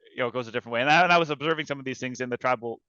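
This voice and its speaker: A man, a former contestant, answering thoughtfully in a casual interview and pausing to rephrase. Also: medium pitch, pushed and bright, clear, resonant tone, no echo, dull audio. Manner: thoughtful, hesitant, stops to rephrase.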